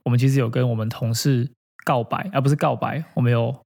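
A man co-hosts a casual podcast chat, and his pitch sits in the middle range. He talks with a wry, teasing sense of humor. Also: steady tone, quick pace, vocal fry, darkish tone. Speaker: podcast co-host.

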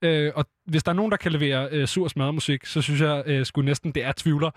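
A man's voice: fairly high pitch, fairly even intonation, no room sound. A male radio host chatting casually in the studio and presenting music, with many filler sounds.

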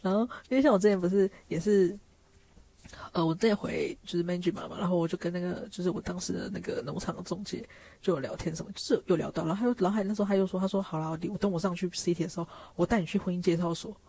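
A woman's voice: on the low side, rapid-fire, warm tone, slight background noise. A woman in her thirties from Taiwan, telling stories in casual chat, laughing often and acting out what others said. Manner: chatty, laughs often, acts out others' lines. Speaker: vlogger.

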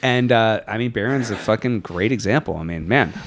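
A man's voice: lowish voice, brisk. A man co-hosting a podcast, talking casually in a rambling, hesitant way with many fillers. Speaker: podcast co-host. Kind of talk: casual chat.

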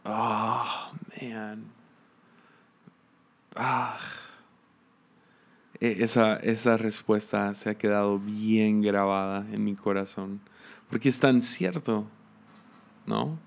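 A man's voice: fairly low pitch, steady tone, extremely slow, creaky, long pauses. A man with a Mexican accent, teaching a conversational sermon in a reflective, chatty way. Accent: Mexican Spanish. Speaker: preacher.

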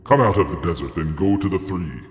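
A man voicing a deep, booming desert Jinn. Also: lively intonation. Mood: lecturing. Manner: slow, weighty, admonishing. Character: grand, stern male desert Jinn, magical. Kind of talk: storybook character voice. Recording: roomy echo with long reverb.

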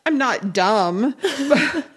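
A woman co-hosting a podcast, chatting casually and telling stories in an animated, self-deprecating way. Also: sits high, drawn-out words, slightly rough. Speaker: podcast co-host. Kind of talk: casual chat.

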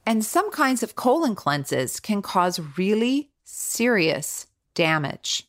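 A woman's voice: medium pitch, very animated, takes it slowly. A woman hosting a podcast. She narrates a scripted story in a wry tone. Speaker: podcast host.

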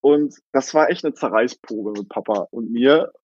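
A man's voice: mid-range voice, normal speed, a little mellow, husky, lo-fi sound. A young man in his twenties telling the story of his coffee cart business in a casual interview, with many fillers and laughs.

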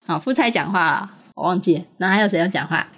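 A woman with a lowish, husky, slightly bright voice talks fast and animatedly as she patiently explains a story to her young daughter. It's a casual storytelling chat in which she asks questions and laughs often.

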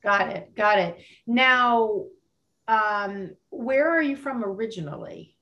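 A woman's voice: medium pitch, expressive, slow, fairly bright tone, dull audio. A woman hosting a podcast interview, talking in an enthusiastic, chatty way with fillers and restarts. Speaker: podcast host. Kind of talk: casual interview chat.

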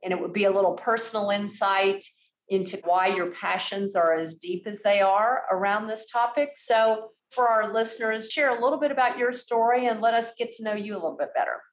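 A woman hosting a corporate podcast, speaking in a polished, effusive and measured way. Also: medium pitch. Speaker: podcast host. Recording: roomy echo.

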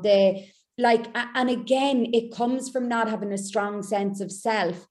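A woman's voice: fairly high pitch, a little mellow. A woman speaking as a mindset coach in a podcast interview, making her points in short, emphatic, repeated sentences.

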